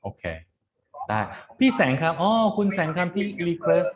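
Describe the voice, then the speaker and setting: A man's voice: sits high, big pitch swings, rapid-fire, noisy background. A man with a Thai accent leading an online training session, chatting informally and switching between Thai and English.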